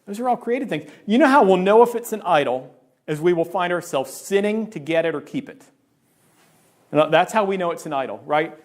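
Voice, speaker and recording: A man's voice: expressive, brisk. A middle-aged man who is a pastor, preaching a conversational sermon in a church and often checking in with "right?". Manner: acts out inner voices with sudden jumps in pitch.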